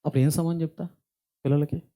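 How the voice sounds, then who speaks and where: A middle-aged man delivers a church sermon, speaking slowly and deliberately and building in intensity. His voice sits a little high for a man. Its tone is very dark and mellow. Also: little pitch movement. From India. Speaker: pastor. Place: church hall.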